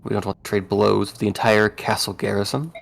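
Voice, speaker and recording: A man's voice: fairly low pitch, steady tone, a little fast, creaky. A man voicing a cautious, haughty tactician with formal, precise wording in a game read-aloud. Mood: cool.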